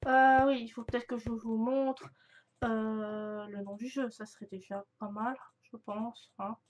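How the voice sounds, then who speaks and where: A woman's voice: a little high, steady tone, measured pace. A young woman chatting casually through a gaming video, rambling with many fillers and restarts. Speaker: gaming youtuber. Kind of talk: casual let's-play commentary.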